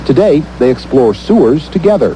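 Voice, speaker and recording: A man delivers a TV news report in a measured, dramatic way. His mid-pitched voice sits over clearly audible outdoor noise. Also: very animated, mellow, rough recording. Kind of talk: scripted news report narration.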